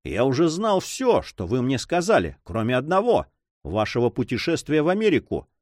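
A man's voice: medium pitch, wildly swooping pitch, normal speed, darkish tone, no echo, studio quality, pitched above the performer's own voice. A man voicing an impatient young nobleman. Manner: eager, impatient, pleading.

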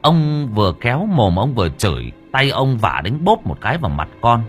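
A man narrating a horror story aloud with expressive, shifting delivery. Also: medium pitch, normal speed, faint music behind. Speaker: audiobook narrator.

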